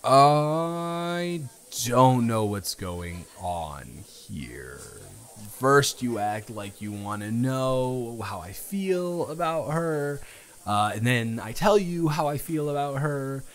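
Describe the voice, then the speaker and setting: Recorded close on a home studio microphone, a young man plays out an improvised first-person date roleplay. He has a medium pitch and a fairly bright tone, and he teases and rambles, restarting often.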